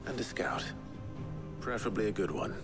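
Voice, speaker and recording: Man as deep-voiced warrior leader. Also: steady tone, moderate pace, close to an everyday voice. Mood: grave, commanding. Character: grave, commanding adult male fantasy warrior leader. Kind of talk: dramatic video game acting. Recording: game music playing behind the voice.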